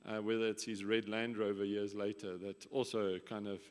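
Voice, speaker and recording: A man's voice: on the low side, flat delivery, moderate pace, clean tone. A man in his thirties giving a reflective memorial tribute, telling stories from his childhood. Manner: reflective storytelling, some restarts. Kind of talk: memorial speech. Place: hall at a memorial gathering. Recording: long reverb of a hall.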